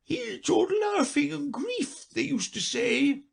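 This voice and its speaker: Tearful Mock Turtle, very high falsetto, drawn-out wailing, husky. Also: male voice, big pitch swings, exaggerated voice. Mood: mournful. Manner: slow tearful wail, high and quavering. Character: sobbing melancholy male Mock Turtle, self-pitying.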